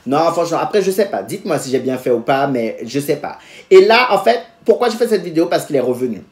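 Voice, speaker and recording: A man tells a personal story to the camera, throwing himself into every line and playing out both sides of the exchange. His pitch leaps and drops all over the place, and the room around him rings with echo. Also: fast. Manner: animated, theatrical retelling. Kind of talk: story time vlog. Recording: echoey room.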